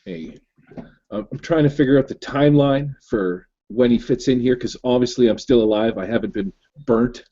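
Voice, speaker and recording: A man describes his part as a player in a tabletop game, halting and restarting as he thinks. His voice is dark and mellow. It comes through a dull, lo-fi chat line. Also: mid-range voice.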